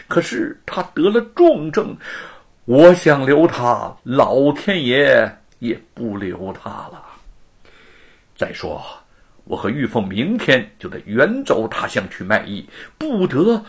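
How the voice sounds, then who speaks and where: A weary older male street performer and father, voiced by a man narrator in a storybook reading. He talks with heavy-hearted sighs. His resignation comes through in a voice that moves through a wide pitch range. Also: slightly rough, full character voice.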